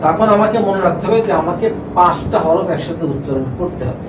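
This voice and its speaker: A man with a fairly high voice leads a classroom Quran reading lesson. He asks questions, repeats the students' answers and draws syllables out in a chant. He is picked up from a distance in an echoey room with a faint hiss behind. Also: expressive, a little fast. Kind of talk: classroom lesson with call and response.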